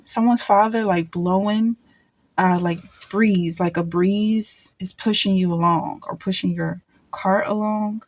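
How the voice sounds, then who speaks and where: A woman giving a casual pick-a-card tarot reading, thinking aloud with halting restarts and repeated words. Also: medium pitch, a little mellow, no room sound.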